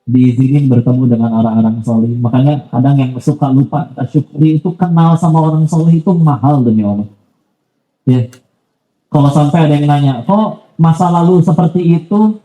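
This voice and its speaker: A man's voice: medium pitch, fairly even intonation, brisk, dark tone, echoey room, rough recording. A man giving a casual, conversational sermon as a preacher, full of asides and polite apologies. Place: mosque.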